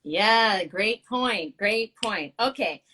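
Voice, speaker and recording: Woman in her 30s hosting a live stream, excitable, laughs a lot, swears casually. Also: medium pitch, slow, slightly rough. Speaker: show host.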